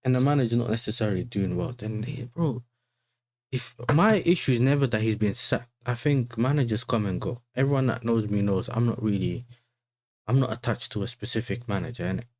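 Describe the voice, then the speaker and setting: A man's voice: lowish voice, a little fast, a little mellow, slight background noise. A man with an urban London roadman accent, hosting a casual football livestream in slangy talk full of tag questions. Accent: London, urban street style.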